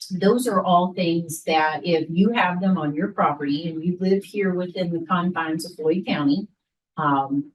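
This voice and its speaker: A woman's voice: deep voice, distant mic, rough recording. A woman coordinating a local program, explaining it to a class in a conversational way with many fillers. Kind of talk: informal class presentation.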